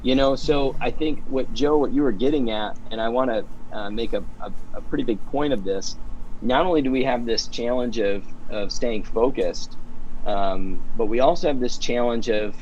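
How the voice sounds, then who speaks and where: A man's voice: mid-range voice, moderate pace, a little mellow, lo-fi sound, slight background noise. A man chatting casually on a podcast about marketing, talking in long rambling sentences with many restarts and fillers. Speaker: podcast guest from a marketing firm. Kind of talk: casual conversational podcast chat.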